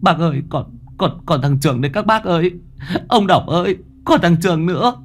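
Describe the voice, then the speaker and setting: A man's voice: animated, a little fast, natural voice. A man voicing a frightened village boy who stammers and calls out in panic. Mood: panicked. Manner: stammering, shrill calling.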